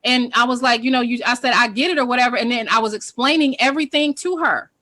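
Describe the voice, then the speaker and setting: A woman with a high, bright voice tells her side on a group call, heated and profane. She presses her points emphatically. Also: fast talker. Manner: emphatic, profane, defensive storytelling.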